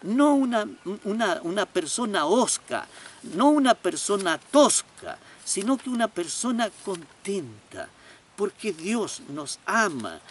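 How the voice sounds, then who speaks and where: A man preaching a comedic sermon in an animated, folksy, joking way. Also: sits high, slightly rough.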